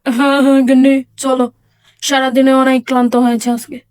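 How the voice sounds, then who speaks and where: A woman voicing a tired, reassuring poor village father, speaking calmly in a doll story drama. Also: high-pitched, a little fast, no echo, close to an everyday voice. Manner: calm, comforting.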